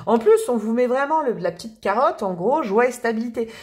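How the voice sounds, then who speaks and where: A woman's voice: fairly high pitch, expressive, a little fast, a little mellow. A woman giving a casual spoken tarot reading, chatty and thinking aloud with many fillers and restarts. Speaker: tarot reader.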